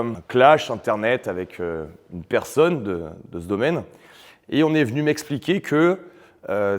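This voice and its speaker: Guy coaching on nutrition, blunt and fired up, lots of euhs, long reverb on the voice. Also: mid-range voice. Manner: blunt and combative, with frequent "euh" fillers. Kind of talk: opinionated video monologue.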